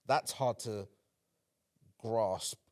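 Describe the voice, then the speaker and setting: A man in his thirties from England, co-hosting a podcast in relaxed, teasing casual chat. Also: lowish voice, very slow. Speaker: podcast co-host.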